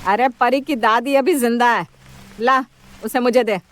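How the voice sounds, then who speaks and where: A woman voicing a bossy, sharp-tongued elderly mother-in-law in a storybook cartoon. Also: a little high, fairly even intonation, a little slow, pitched above the performer's own voice, close to an everyday voice. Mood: taunting.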